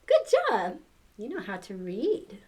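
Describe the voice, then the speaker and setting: Grandmotherly storyteller with slow, animated delivery. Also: mid-range voice, noisy background. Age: older. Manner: grandmotherly, coaxing, encouraging. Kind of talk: read-aloud children's story with playful asides.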